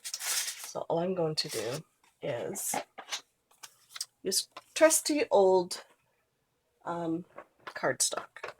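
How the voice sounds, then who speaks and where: Her voice is lowish and extremely slow, with long pauses, set against a noisy background. She's a woman in her thirties, a scrapbooking vlogger whose cold makes her nasal, chatting casually through a craft tutorial and drifting off mid-thought while she works.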